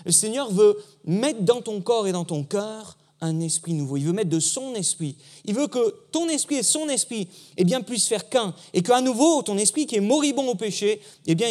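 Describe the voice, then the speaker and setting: A man's voice: sits high, darkish tone. A man preaching a sermon in a church, earnest and telling a story to the congregation.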